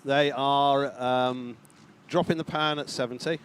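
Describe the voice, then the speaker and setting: A man's voice: mid-range voice, fairly even intonation, unhurried, a little hiss or hum. A man co-commentating as a tractor pull announcer, casual, conversational and bantering, speaking live outdoors. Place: outdoors at a tractor pulling event.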